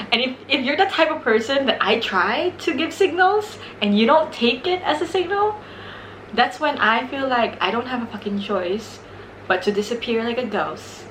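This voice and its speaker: A woman's voice: mid-range voice, fairly bright tone, a little hiss or hum, rough recording. A young woman chatting casually and candidly as a mukbang host, giggly and swearing freely. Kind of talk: casual real-talk chat over a meal.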